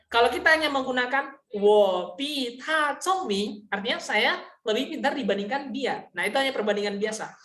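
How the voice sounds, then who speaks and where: A woman teaching a casual online Mandarin lesson, explaining patiently, saying example sentences slowly and often checking whether her students understand. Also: on the high side, fairly bright tone, reverberant.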